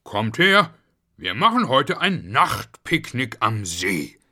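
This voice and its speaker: A man reading aloud as a friendly dog father in a storybook, cheerful and a little loud when he calls the kids. The voice stays close to his normal reading tone, with a lively rise and fall. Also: mid-range voice, a little slow, heavily acted.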